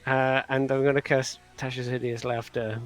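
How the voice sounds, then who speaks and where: A man playing in a tabletop game session, laid-back and fond of jokes. His voice sits at an ordinary middle pitch. He talks through his character's actions in a loose, easygoing way. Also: little pitch movement, normal speed, soft background music, rough recording. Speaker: player.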